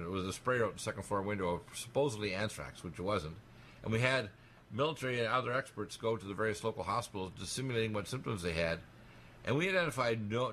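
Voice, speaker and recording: Man, talk radio, fast, lower voice, emphatic, alarmist, piling up claims. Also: fairly bright tone, a little hiss or hum. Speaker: guest commentator on a radio talk show. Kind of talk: rapid, insistent talk-radio monologue.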